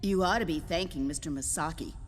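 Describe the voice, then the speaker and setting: A woman playing a sharp-tongued, know-it-all schoolgirl in an anime English dub, with a cutting, haughty way of talking. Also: deep voice, brisk, in a large hall, faint music behind, close to an everyday voice.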